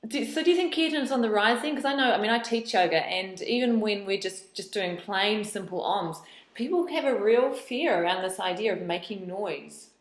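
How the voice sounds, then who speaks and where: A woman interviewing a guest, asking curious, gently probing questions and affirming with soft mms. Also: mid-range voice, animated, moderate pace, echoey room, rough recording.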